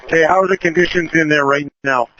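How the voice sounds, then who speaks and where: A man's voice: on the high side, quick pace. Muffled two-way radio, faint noise, man, fire control officer, urgent firefighter radio, clipped procedural calls. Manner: procedural, clipped call-and-response.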